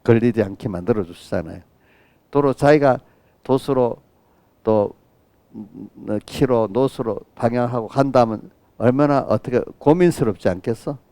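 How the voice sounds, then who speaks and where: A man's voice: mid-range voice, moderate pace, mellow, no room sound. A middle-aged man preaching an early-morning sermon as pastor, talking with the congregation and often asking "right?". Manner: acts out quoted voices of children and God in his own voice.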